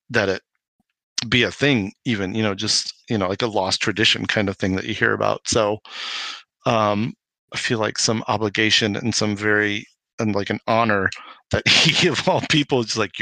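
A homebrewing video maker appears as a podcast guest, speaking in a fairly low, bright, forceful voice on a dry, poor-quality recording. His casual, anecdotal interview talk rambles as he retells things and acts out bits of dialogue.

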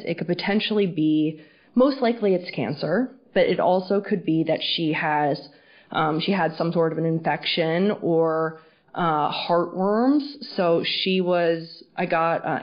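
A woman hosts her podcast in loose, candid talk, cursing freely as she chats. The audio is dull and muffled, as if she were speaking underwater. Her voice sits a touch low. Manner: candid and chatty, swears freely. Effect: muffled, underwater-sounding audio. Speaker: podcast host. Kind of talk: casual solo podcast talk. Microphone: recording to video camera.

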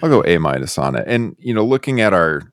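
A man's voice: low voice, big pitch swings, fast, no echo, clean studio sound. A man from the Chicago area hosting a podcast, chatting in an easygoing, self-deprecating way. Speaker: podcast host. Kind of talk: casual podcast review chat.

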